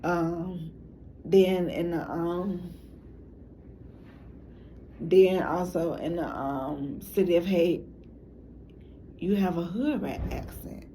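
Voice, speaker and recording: Woman, Chicago accent, slightly low voice, casual rambling documentary narration, faint background hiss. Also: warm tone. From Chicago, United States. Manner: loose, meandering storytelling with frequent restarts.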